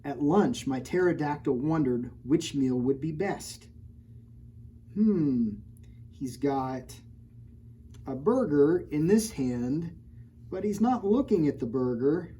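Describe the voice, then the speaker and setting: A children's librarian reads a storybook aloud in a deep, mellow, warm voice with lively intonation, faint noise behind her. Her playful, teasing storytime keeps breaking for chatty asides, joking with the kids and pointing out things in the pictures.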